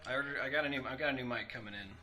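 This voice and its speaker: A man narrating a tabletop game as game master, talking haltingly with many restarts. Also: medium pitch. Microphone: home mic that keeps breaking up. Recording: mic cutting in and out, faint music.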